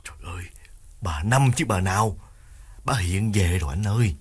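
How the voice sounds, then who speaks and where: A man puts on a panicked young thief in a storybook tale. He whimpers and begs in a shaky, hushed voice. Soft music plays behind him. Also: low voice, lively intonation, normal speed, husky. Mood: pleading. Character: frightened young man, a small-time thief begging.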